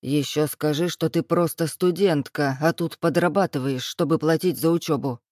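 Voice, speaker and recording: A woman voicing a stern, menacing male club owner who growls his questions slowly, in a mellow, dry reading. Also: sits low, no room sound, close to an everyday voice. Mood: coldly mocking. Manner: growling, slow and interrogating.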